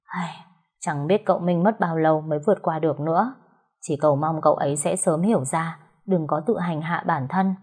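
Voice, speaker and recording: A woman's voice: deep voice, fairly quick, a little mellow, husky. A woman voicing a young wife who speaks sharply and reproachfully in an audio story. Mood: worried. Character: young wife, firm and worried.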